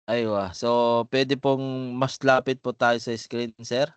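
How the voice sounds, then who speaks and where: Slow patient man teaching online class. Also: medium pitch, flat delivery, clear, resonant tone, dry recording. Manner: slow, patient, calls students by name. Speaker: Arabic alphabet teacher. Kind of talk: online class drilling letter sounds. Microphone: video call.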